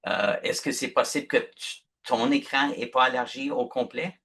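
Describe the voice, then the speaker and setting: A man's voice: mid-range voice, steady tone, normal speed, pushed and bright. A man teaching a live online workshop, patient and chatty, checking in often with his class. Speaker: instructor.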